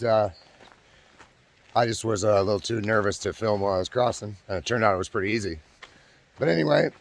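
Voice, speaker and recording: Out on a creekside trail, a man with a lowish voice that's turning hoarse gives casual vlog narration of his backpacking trip. He addresses his viewers directly, chatting away and poking fun at himself.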